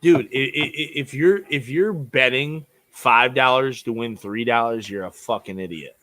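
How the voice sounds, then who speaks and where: A man's voice: mid-range voice, fairly bright tone, no room sound. A man co-hosting a casual sports podcast over a video call, blunt and profane as he teases the others. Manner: slow, blunt, profane, teasing. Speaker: podcast co-host.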